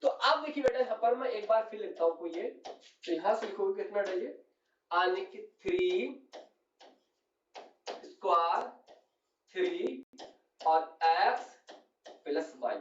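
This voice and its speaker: A man's voice: high voice, expressive, a little slow, pauses often. A male chemistry teacher giving a classroom lecture, calling his students "beta" and checking often that they follow. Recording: roomy, distant, dull lo-fi sound.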